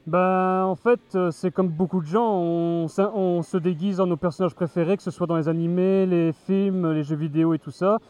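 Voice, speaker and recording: A man's voice: high-pitched, steady tone, moderate pace, hardly any pauses, a little mellow. A man speaks casually through a face mask into a close mic, muffled, giving hesitant, informal explanations in an interview. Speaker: costumed cosplayer being interviewed. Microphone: handheld mic held very close to the mask.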